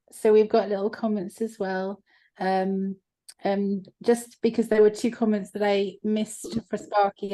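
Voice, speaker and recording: Woman cohost, mellow voice, lots of ums, casual and friendly, reads comments aloud. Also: medium pitch. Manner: warm thanks, many ums, reading out comments. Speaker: event co-host. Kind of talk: casual online event hosting.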